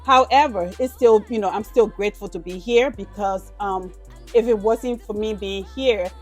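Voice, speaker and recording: A woman's voice: mid-range voice, moderate pace, soft background music. Liberian-born woman chatting about her life. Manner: chatty, with many "you know" fillers. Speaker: business owner interviewee. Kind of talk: casual interview.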